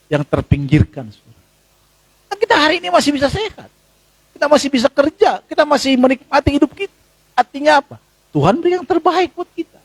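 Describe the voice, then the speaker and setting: This is a dry recording of a male pastor with an Indonesian accent preaching in church. Conversational and animated, he addresses the congregation with sudden high exclamations and quieter low asides.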